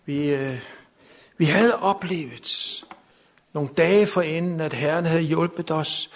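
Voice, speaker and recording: A man preaching a sermon at a camp meeting, telling a personal story unscripted, with many repeated words, and building to fervent preaching. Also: on the high side.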